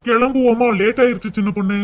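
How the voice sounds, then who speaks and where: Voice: mid-range voice, fairly even intonation, quick pace, close to an everyday voice. A performer voicing an earnest young village husband in a cartoon. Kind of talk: cartoon voice acting.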